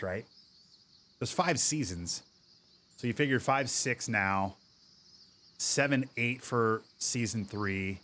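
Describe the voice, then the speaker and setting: A man streaming a golf video game, chatting casually, answering viewer chat and getting excited over good shots. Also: lowish voice, slight background noise. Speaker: gaming streamer. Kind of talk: casual livestream game commentary.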